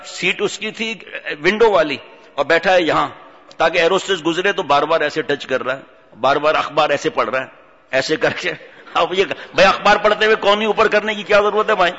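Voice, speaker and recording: A man preaches with a bright, forceful, fairly high voice, telling funny stories and acting out characters in a lively way. The sound is dull and rolls with a long hall reverb. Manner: animated storytelling, acts out voices. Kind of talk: humorous religious sermon.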